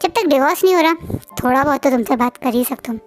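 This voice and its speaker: A woman's voice: sits high, lively intonation, fast talker. A woman doing a sulky, frustrated young man.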